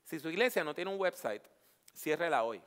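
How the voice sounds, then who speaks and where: Emphatic Puerto Rican preacher in a hall. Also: male voice, on the high side, lively intonation, moderate pace, fairly bright tone. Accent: neutral Latin American Spanish. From Puerto Rico. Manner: emphatic, rhetorical questions to the audience. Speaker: workshop leader and pastor. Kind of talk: preaching workshop lecture. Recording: long reverb of a large hall.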